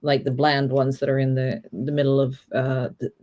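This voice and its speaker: A woman's voice: extremely low pitch, flat delivery, normal speed, a little mellow, muffled recording. A woman co-hosting a review podcast, rambling with many fillers while she searches for words. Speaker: podcast co-host. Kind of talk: casual review discussion.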